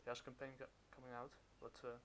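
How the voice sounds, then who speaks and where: A man talking through a face mask, hosting a casual reaction commentary in a halting, hesitant way. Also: mid-range voice, monotone, fairly bright tone. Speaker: reaction video host. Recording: hissy, noisy recording.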